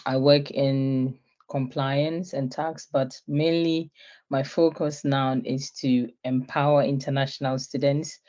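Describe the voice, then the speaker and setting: A woman's voice: a bass voice, warm tone, highs cut off. A young woman from Ghana, a guest in an online interview, introducing herself in a friendly way with many filler sounds and easy laughter.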